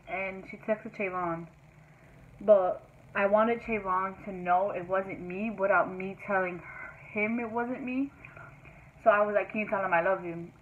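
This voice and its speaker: A young woman casually telling a personal story to her viewers, rambling with lots of "like" and "whatever". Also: mid-range voice. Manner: rambling, many fillers like "like" and "whatever". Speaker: vlogger. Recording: tinny phone-like sound, faint hiss.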